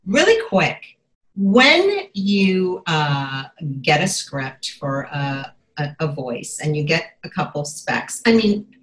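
A woman's voice: sits low, big pitch swings, takes it slowly, a bit bright, poor audio. A woman co-hosting an interview, eagerly asking rambling questions and mentioning her voiceover training classes.

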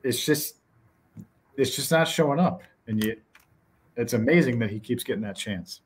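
A middle-aged man talking sports on a podcast, his voice a little husky and rough. He speaks bluntly and with animation, full of fillers and restarts. He is heard through a headset on a video call from a small office. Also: mid-range voice, animated, moderate pace. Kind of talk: casual postgame chat.

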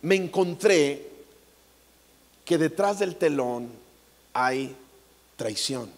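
Speaking extremely slowly, this high-voiced Mexican preacher gives a comedy sermon from a big theater stage, his expressive male voice carrying a Mexican Spanish accent. Jokey and playful, he acts out quotes on a handheld microphone, with a long hall reverb trailing each line.

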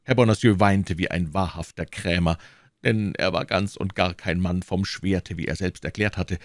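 A man reading a classic novel aloud as an audiobook, with expressive narration. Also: low-pitched, moderate pace, no echo, studio quality. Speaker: audiobook reader.

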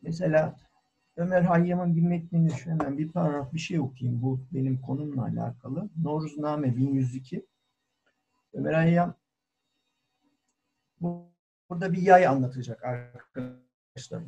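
A man who is a cultural historian giving a formal online talk, deliberate and full of hesitant fillers, heard over call audio. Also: fairly high pitch, gravelly, mellow, dull audio. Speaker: guest lecturer, cultural historian. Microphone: video call.

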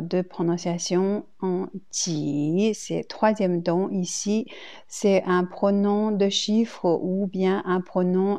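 A woman with a Chinese accent teaches a language lesson at an unhurried, careful pace. Her voice is low and mellow with a gravelly edge, and she says each example twice. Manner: slow, deliberate, repeats each example twice.

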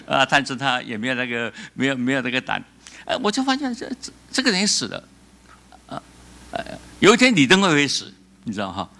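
Taiwanese guy preaching, bright forceful voice, laughs a lot, asks the crowd to fill in. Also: mid-range voice, fairly quick. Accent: Taiwanese Mandarin. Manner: animated, asks the congregation call-and-response questions; laughs often between remarks. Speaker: pastor. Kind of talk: sermon.

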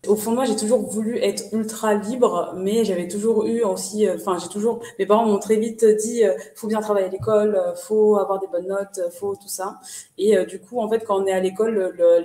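A woman's voice: on the low side, warm tone, far from the mic. Young woman from the Paris region, casual and chatty, set back from the mic in an echoey room. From Paris region, France. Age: 20s. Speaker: guest entrepreneur. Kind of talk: casual interview answers. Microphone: shared webcam on video call.

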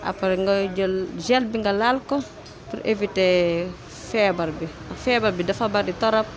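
A woman's voice: medium pitch, measured pace. A young woman from Senegal, a hairdresser interviewed in a salon, explaining things insistently. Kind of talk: street interview. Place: hair salon, indoors. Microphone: handheld mic held close. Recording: clear background noise.

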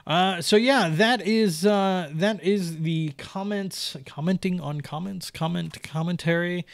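A man's voice: on the high side, gravelly. A young man in casual solo commentary, reading viewer comments aloud and answering them in a rambling way with many fillers and restarts.

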